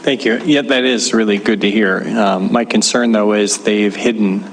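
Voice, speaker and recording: A man serving as a councilmember, asking a question haltingly and repeating words while he works it out. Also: fairly low pitch, fairly even intonation, slight background noise, poor audio.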